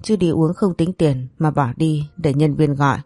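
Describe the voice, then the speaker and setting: A woman's voice: deep voice, moderate pace, warm tone, no room sound, studio quality, soft background music. A woman voicing a cold, arrogant young man who speaks curtly and dismissively. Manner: curt, dismissive.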